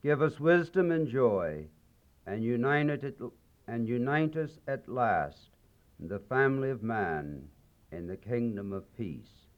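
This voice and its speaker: Bishop reading a solemn blessing, unhurried, muffled old recording. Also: male voice, mid-range voice, sing-song. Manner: measured, solemn, deliberate. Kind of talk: benediction prayer. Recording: dull archival recording.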